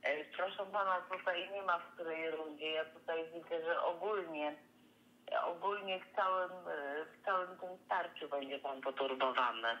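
A woman's voice: sits low, normal speed, slight background noise. A woman fortune teller heard over a phone line, patiently and politely reading cards for a caller, with hesitant fillers.

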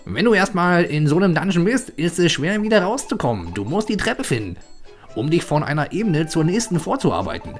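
Game sidekick: chirpy, bossy male creature guide, bright and lively as a man puts him on. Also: a little high, brisk, faint music behind, voice pushed up. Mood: eager. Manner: cheerful, instructive.

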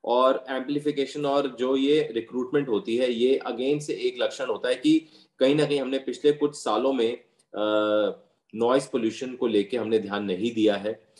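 A man who is an ENT doctor, calmly explaining hearing problems and giving patient advice with medical terms in an interview. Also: medium pitch, moderate pace. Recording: roomy echo.

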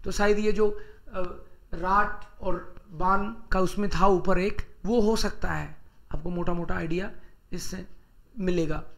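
Unhurried, bright-toned male teacher, thinks aloud over exam texts. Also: sits high, fairly even intonation, gravelly. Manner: slow reading of German with quick Hindi asides, thinking aloud. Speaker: German teacher. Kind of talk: exam tips lesson, reading German aloud and explaining.

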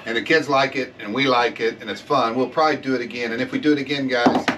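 A man's voice: mid-range voice, fairly even intonation, fast, distant mic, very noisy. Enthusiastic middle-aged man on a boat. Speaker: boat captain and show host. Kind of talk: casual chat. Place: boat saloon indoors.

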